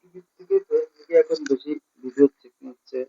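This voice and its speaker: A man chatting casually with his wife in a low-key way, often mumbling quietly. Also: wildly swooping pitch, moderate pace, breathy edge, dry recording, highs cut off. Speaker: vlogger's husband.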